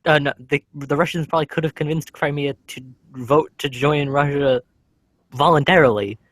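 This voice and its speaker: A man on a political podcast panel who talks casually and corrects himself often in a wry way. His voice sits fairly high, and the sound is dry and close. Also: normal speed, fairly bright tone, no echo.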